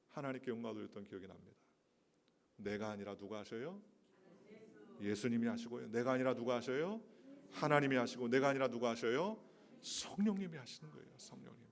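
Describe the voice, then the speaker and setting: A man's voice: medium pitch, gravelly. A middle-aged man, a missionary preacher, telling personal testimony in a sermon, with storytelling and emphatic rhetorical questions.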